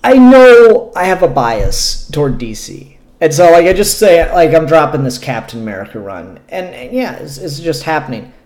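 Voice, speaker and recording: This man, a comic book reviewer hosting his own show, rambles candidly in a casual, unscripted vlog and swears now and then. His voice is fairly high and darkish in tone, very animated, at a moderate pace with few pauses. The recording has an echoey room sound.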